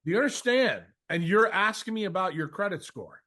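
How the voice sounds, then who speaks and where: Here the session leader sounds high-pitched, animated, pushed and bright, talking a little fast. He lectures without preparation in reply to a question, confrontational and profane, mocking people by imitation and scolding with rhetorical questions.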